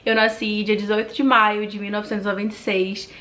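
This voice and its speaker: A woman in her twenties from Manaus, speaking with a Brazilian Portuguese accent, tells her life story in a friendly, talkative vlog. She's animated and fast, with a medium-pitched voice.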